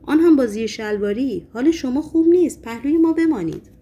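A woman's voice: sits high, animated, dark tone, pitched above the performer's own voice. A woman reading a story aloud, voicing a polite, firm female doctor in a clinic.

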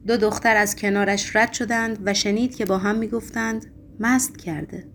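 A woman narrating a novel as an audiobook, with steady, measured reading. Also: medium pitch, a little hiss or hum. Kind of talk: scripted narration.

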